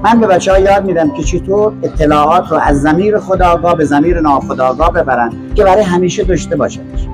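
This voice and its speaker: A man's voice: a little high, hardly any pauses, music in the background. An older man as a podcast guest, explaining in a didactic way and often checking that the listener is following. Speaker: guest, language teacher. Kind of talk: podcast interview.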